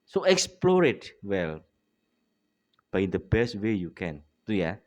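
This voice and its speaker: An English teacher with an Indonesian accent gives a bilingual speaking lesson, mixing Indonesian and English and tagging his lines with "ya." His voice is on the low side and very animated but slow, he has a runny nose, and there's no echo.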